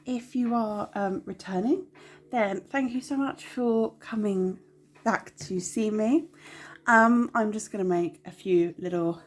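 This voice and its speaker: A budgeting vlogger, a young woman with a stuffy, nasal cold, chats casually to the camera at home. She rambles apologetically with plenty of ums, speaking slowly at a medium pitch.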